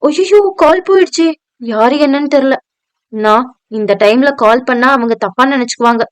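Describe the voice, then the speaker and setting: A woman's voice: high-pitched, moderate pace, clean tone, no room sound, lightly acted. A woman voicing a polite, anxious young working woman who speaks respectfully to her boss, in an audio novel. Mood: flustered. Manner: hesitant, respectful, addressing a superior. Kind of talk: audio novel dialogue reading.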